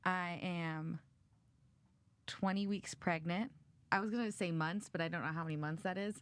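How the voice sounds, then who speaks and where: A woman's voice: on the low side, fairly even intonation, moderate pace, clear, resonant tone, no echo. A woman in her twenties hosting a podcast, chatting casually and giggling, with lots of "like" and "um". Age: 20s. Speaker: podcast host. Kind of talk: casual chat.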